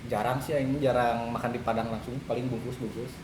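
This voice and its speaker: A man's voice: medium pitch, fairly even intonation, fairly quick, roomy sound, crowd noise, rough recording. A young man with a Sundanese accent, a podcast guest joking and swearing in casual chat. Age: young adult. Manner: joking, swearing, switching between Sundanese and Indonesian.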